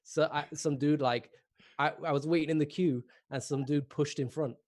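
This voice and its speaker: A man's voice: a little high, fairly even intonation, moderate pace, a little mellow. A man guesting on a casual video-call chat, telling laid-back anecdotes. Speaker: comedian guest.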